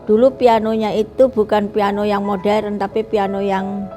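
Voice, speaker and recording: A woman in her seventies, a retired eye doctor, recalling her life in a slow, reflective interview with many pauses. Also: mid-range voice, little pitch movement, dark tone, faint music behind. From Bali, Indonesia. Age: 70s. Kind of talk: recorded interview, personal reminiscence.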